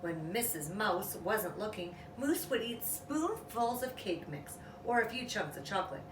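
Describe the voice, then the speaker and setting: With a medium-pitched, sing-song voice at a measured pace, this storytime reader brings a children's story to life, drawing out sound words and dropping in offhand comments. She was captured in an echoey room on a distant mic, and faint noise is audible.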